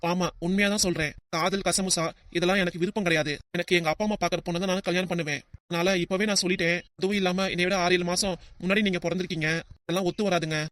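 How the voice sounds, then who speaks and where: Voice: medium pitch, fairly even intonation, rapid-fire, a bit bright, dry recording, lightly acted. A voice actor playing a cautious twenty-year-old male student with a southern Tamil Nadu accent who keeps turning down a proposal. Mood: refusing. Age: 20s. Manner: hesitant, firm refusals. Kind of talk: cartoon voice acting.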